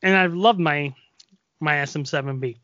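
A man's voice: fairly high pitch, moderate pace, sharp tone, dry recording, lo-fi sound. A man with a nasal voice chatting casually as podcast co-host, rambling through stories with lots of fillers. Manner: rambling, loose storytelling with many fillers. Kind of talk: casual chat. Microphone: XLR microphone.

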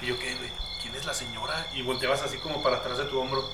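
A man's voice: mid-range voice, fairly even intonation, rapid-fire. Mexican man in an echoey, noisy room. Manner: slangy, teasing interjections. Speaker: podcast co-host. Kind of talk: casual chat, storytelling. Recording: echoey room with loud background noise.

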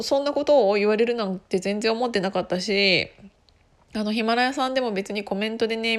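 A woman from Gunma hosting a casual solo podcast, chatting in a loose, chatty way with lots of fillers and frequent laughs. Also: mid-range voice. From Gunma, Japan. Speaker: podcast host.

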